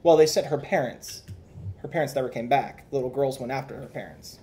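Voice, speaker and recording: A man's voice: medium pitch, fairly quick, mellow. Man, game master, casual tabletop narration, filler-heavy, faint noise behind.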